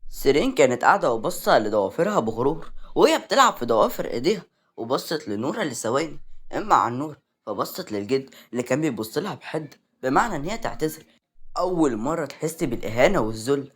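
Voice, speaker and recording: A woman's voice: very deep voice, slightly rough. A woman with an Egyptian Arabic accent reading a serialized romance novel aloud with dramatic expression. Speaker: storyteller.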